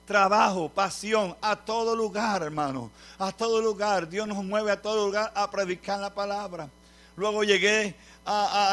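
A Puerto Rican pastor preaching with fervor, his voice pitched high for a man. His tone is bright and forceful, and he repeats his phrases and lets them build. He delivers the sermon in a rising preacher's cadence. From Puerto Rico. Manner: fervent preaching, repeats phrases, swells to shouts. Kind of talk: sermon testimony.

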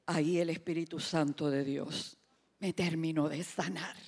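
A woman preaching a sermon, telling a personal story with quoted voices, dropping to hushed tones and rising to emphatic passages. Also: sits low, fairly even intonation, measured pace. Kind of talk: sermon testimony.

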